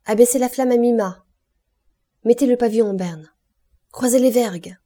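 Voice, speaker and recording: A woman's voice: mid-range voice, a little fast, dark tone, slightly rough. A woman reading the lines of an eager, courteous young male ship's mate in an audiobook. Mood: commanding.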